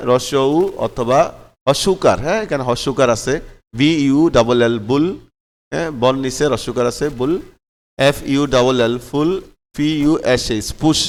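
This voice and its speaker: A man teaching pronunciation in a Bangladeshi Bengali accent. He spells each word letter by letter, repeats it slowly and keeps asking whether the pupils follow. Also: mid-range voice, long reverb tail. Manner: asks the pupils "কেমন?" to check they follow.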